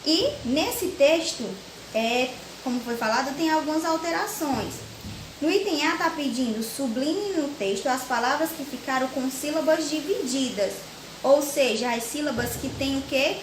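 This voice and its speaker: Young brazilian teacher lady, high voice, spells out syllables slow for little kids. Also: animated. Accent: Brazilian Portuguese. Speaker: primary school teacher. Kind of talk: recorded remote grammar lesson for children. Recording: echoey room with faint hiss.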